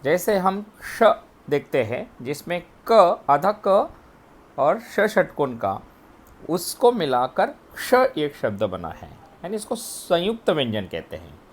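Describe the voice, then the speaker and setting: A man teaching a grammar lesson, explaining letters and sounds slowly, step by step. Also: on the high side, sing-song, husky. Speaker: Hindi teacher. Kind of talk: recorded classroom lesson.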